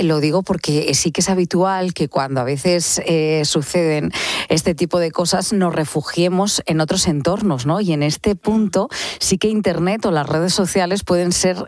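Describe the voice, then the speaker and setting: A woman from hosting a radio interview, asking lively, chatty questions. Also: lowish voice, no room sound, clean studio sound. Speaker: radio host.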